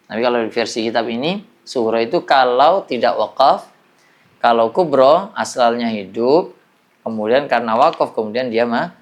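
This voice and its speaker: A man's voice: mid-range voice, moderate pace. A man teaching a classroom lesson on Quran recitation, explaining patiently and drilling examples.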